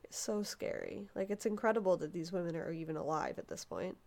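A woman co-hosting a podcast, telling a disturbing story in a casual, animated way, stumbling over words and acting out quotes. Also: on the low side, fast, creaky.

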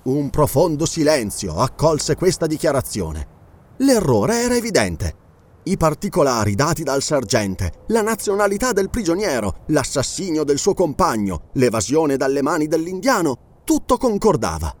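A man narrating a novel aloud in a measured, expressive storytelling manner. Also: on the high side. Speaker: audiobook narrator.

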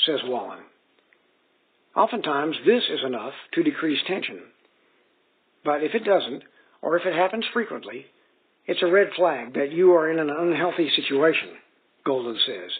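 A man reading magazine articles aloud in a steady, even scripted narration. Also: a little high, normal speed, breathy edge. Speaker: article reader. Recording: tinny phone-like sound.

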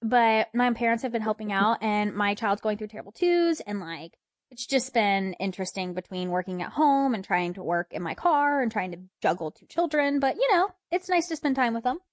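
A woman's voice: a little high, lively intonation, moderate pace, no room sound. A woman co-hosting a chat podcast, talking in an easygoing, slightly hesitant way about juggling work and two children. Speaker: podcast co-host. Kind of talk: casual chat.

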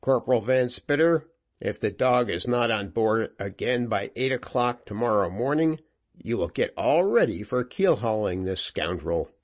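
A man voicing a vengeful, ill-tempered ship's officer who scolds in curt, sharp phrases. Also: mid-range voice, lively intonation, moderate pace, lightly acted. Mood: scolding.

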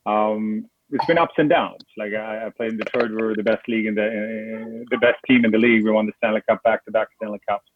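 This middle-aged Swedish guest, who founded a foundation, talks briskly with hardly any pauses in a fairly low, fairly even voice. The casual interview takes place over a call on a tinny, noisy, phone-like line, and he rambles with plenty of fillers and restarts.

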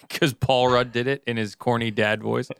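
A man's voice: medium pitch, fairly even intonation, moderate pace, vocal fry, fairly bright tone, smooth, dry recording, clean studio sound. A man co-hosting a podcast in casual chat, joking and laughing often. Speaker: podcast co-host.

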